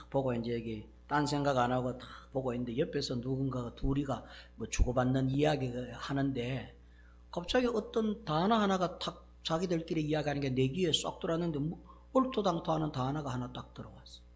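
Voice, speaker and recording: A male pastor with a Gyeongsang accent preaching a sermon, acting out exclamations and swinging from loud bursts to hushed asides. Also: mid-range voice, a little fast, a little hiss or hum.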